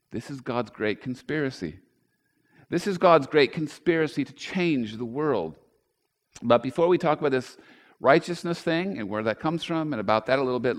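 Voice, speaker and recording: A male pastor giving a conversational sermon, full of fillers and restarts, growing louder and higher on key points.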